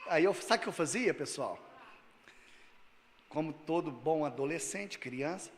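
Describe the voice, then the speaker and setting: Brazilian Portuguese-speaking pastor preaching in an echoing hall. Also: male voice, lively intonation, unhurried, heavy background noise. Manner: swings from loud preaching to low, quiet storytelling. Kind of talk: sermon.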